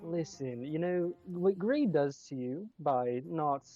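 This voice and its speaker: A man's voice: fairly high pitch, lively intonation, slow, dark tone, dull audio, faint music behind, voice pushed up. A man voicing a very tall woman warrior with a golden eye, speaking in a preachy, lecturing tone.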